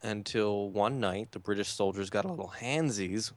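A man co-hosting a casual podcast, relaxed and joking, with an easygoing delivery. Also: lowish voice, normal speed, dry recording. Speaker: podcast co-host. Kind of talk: casual chat.

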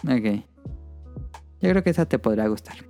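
A man's voice: mid-range voice, expressive, normal speed, vocal fry, dark tone, faint music behind. A man, hosting a podcast in a laid-back, casual way and steering the conversation. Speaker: podcast host.

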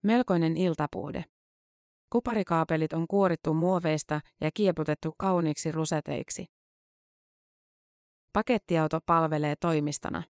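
A woman reporter reading a scripted news-feature narration in a measured, matter-of-fact way. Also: deep voice, dry recording, studio quality.

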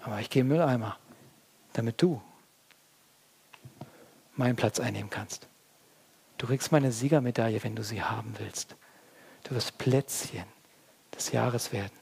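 A man preaching a sermon as pastor, talking straight to his congregation and swinging between hushed, quiet passages and loud, excited ones. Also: mid-range voice, normal speed, vocal fry, pauses often, breathy edge.

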